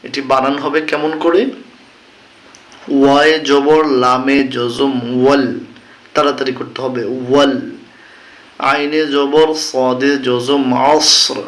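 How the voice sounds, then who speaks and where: A man teaching Quran reading, spelling out each Arabic letter and vowel mark slowly, then chanting the words in a melodic recitation. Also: medium pitch, level tone, a bit bright, roomy sound. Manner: slow, deliberate spelling, breaking into melodic recitation.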